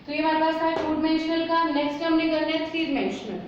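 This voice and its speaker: A woman with a high voice teaches a chemistry class, asking questions and answering them herself. The sound is dull and lo-fi, with faint noise behind it. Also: level tone, quick pace, very echoey. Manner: asks questions and answers them herself, mixing English terms into Hindi. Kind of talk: classroom lesson explaining at a board.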